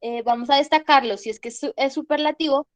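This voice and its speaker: High-pitched lady teacher going slow through grammar, keeps asking "right?", dry close sound. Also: no room sound. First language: Spanish. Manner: patient, checks understanding with frequent "¿sí?" and "¿bien?". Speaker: English teacher. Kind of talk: online class explanation.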